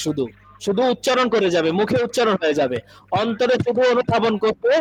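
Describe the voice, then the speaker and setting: A man's voice: sits high, rough recording. A male Arabic teacher giving an online class lecture, patiently explaining with everyday examples, repeating phrases and often checking whether students understand.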